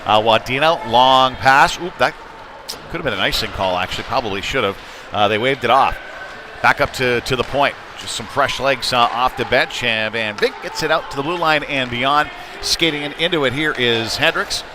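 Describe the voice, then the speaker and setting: A play-by-play commentator covers a youth hockey game live, speaking in a medium-pitched voice at a moderate pace. The delivery is chatty, somewhat halting and unrefined, and the recording carries noisy rink ambience.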